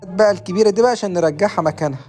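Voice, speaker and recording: A woman's voice: medium pitch, a little mellow, soft background music, lightly acted. A woman with an Egyptian accent playing a fed-up adult man who is stuck minding a boy, pleading and exasperated in a comedy sketch. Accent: Egyptian Arabic. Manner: exasperated, pleading, rapid-fire.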